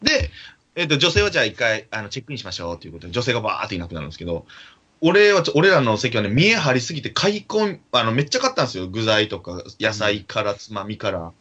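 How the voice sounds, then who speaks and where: A man telling an animated story in casual chat, acting out the quotes of the people in it. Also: fairly low pitch, fast talker, slightly rough. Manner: animated anecdote with acted-out quotes. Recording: dull lo-fi recording.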